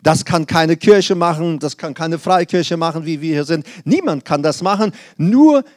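Earnest male preacher, slightly high voice. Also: no echo, clean studio sound. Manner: earnest, emphatic preaching that slows on key phrases; explanatory, with frequent hesitations. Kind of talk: sermon.

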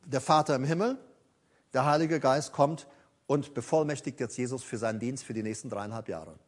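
A man preaching a sermon in a church service, fervent, swinging between loud emphasis and soft near-whispers. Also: medium pitch, moderate pace. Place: church during a worship service.

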